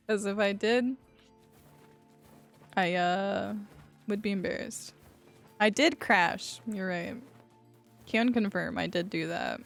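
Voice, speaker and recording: A woman's voice: medium pitch, vocal fry. Young woman streamer, casual and jokey, drops swears, reads game text aloud; faint game music. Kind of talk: casual gameplay commentary.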